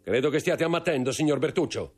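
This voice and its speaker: A man's voice: medium pitch, lively intonation, fast, darkish tone, faint music behind, pitched above the performer's own voice, natural voice. A man voicing a cold, imperious nobleman who gives orders with cool irony. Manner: commanding, coolly ironic. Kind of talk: audiobook character voice.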